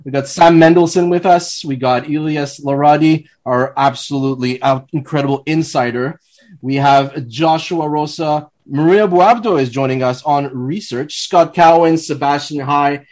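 A man hosting an unscripted sports talk show in an excited, showy manner. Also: a little high, measured pace. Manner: excited, showy announcer-like welcome. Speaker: podcast host.

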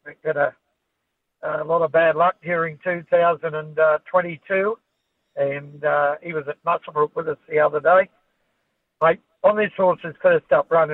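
A man's voice: fairly high pitch, no echo. An Australian man giving an unscripted horse racing preview as a form analyst over a phone call to a radio show. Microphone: phone call to radio studio. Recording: tinny, band-limited phone line.

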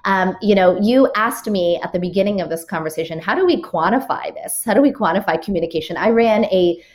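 Speaking briskly at medium pitch, a woman author and keynote speaker lays out her rules point by point as a podcast guest. Her answers are structured and numbered, each supported by a story, though she sometimes restarts or uses fillers.

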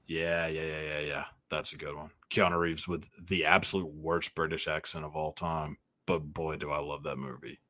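A man's voice: very deep voice, level tone, moderate pace, few pauses, pushed and bright, no echo. A man with a standard American accent in casual, comedic podcast chat, often repeating short phrases as he goes. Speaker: podcast host.

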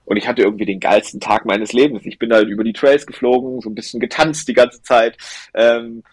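A man's voice: mid-range voice, steady tone, a little fast, no echo. A young man, a guest on a podcast, telling a rambling, enthusiastic story about running, with lots of fillers and restarts. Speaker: podcast guest, ultra trail runner. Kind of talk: casual storytelling interview.

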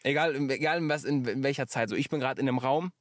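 A man's voice: medium pitch, very fast, dry recording, clean studio sound. A man talking in a casual podcast conversation, reflective and sometimes searching for his words. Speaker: podcast guest.

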